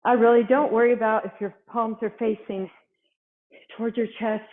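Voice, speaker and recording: A woman's voice: on the high side, fairly even intonation, normal speed. A woman instructor leading a workout, exercising along as she gives short cues and encouragement. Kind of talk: workout coaching, counting reps and cueing moves. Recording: thin, phone-like, band-limited sound.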